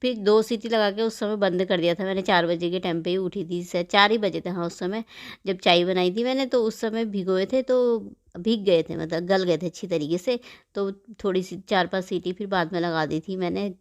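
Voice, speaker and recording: A woman vlogger narrating her home cooking in a fast, chatty voice-over. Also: medium pitch. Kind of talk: casual cooking vlog voice-over.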